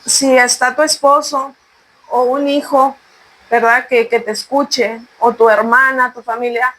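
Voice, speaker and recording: A woman with a high, light voice talks through her own story in a relaxed podcast chat. She speaks earnestly and turns to the listener with heartfelt urging. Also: a little slow, low-quality recording. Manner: earnest, exhorting listeners directly. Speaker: podcast co-host sharing testimony. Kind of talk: conversational faith testimony.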